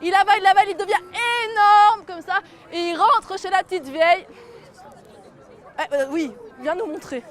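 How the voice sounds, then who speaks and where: A woman's voice: extremely high pitch, normal speed, a faint crowd. A woman storyteller telling a folk tale to children and getting them to join in. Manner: lively, gets the audience to join in.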